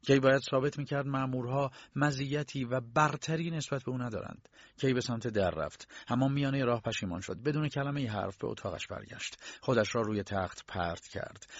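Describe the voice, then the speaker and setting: A man narrating a novel as an audiobook in a measured storytelling voice. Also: mid-range voice, breathy edge, no room sound. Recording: dull lo-fi dry recording.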